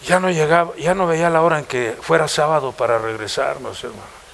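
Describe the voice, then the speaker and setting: High-voiced impassioned Mexican pastor. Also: male voice, fairly quick, vocal fry, a bit bright, a little hiss or hum. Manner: impassioned, asks the congregation rhetorical questions. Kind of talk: sermon. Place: church.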